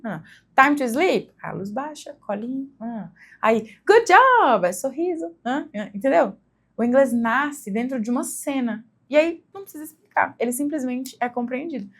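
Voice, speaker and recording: A woman's voice: high voice, gravelly, breathy edge. A woman with a Brazilian accent giving a conversational lesson to the camera, often checking in with tag questions. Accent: Brazilian Portuguese. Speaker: English teacher for mothers. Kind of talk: instructional video talk to the camera.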